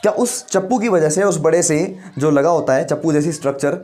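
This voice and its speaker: Guy teaching biology, pretty high voice, keeps asking the class questions then answering them himself. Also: dark tone, faint music behind. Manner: explains terms slowly and repeats them; mixes English science terms into Hindi. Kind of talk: classroom lecture.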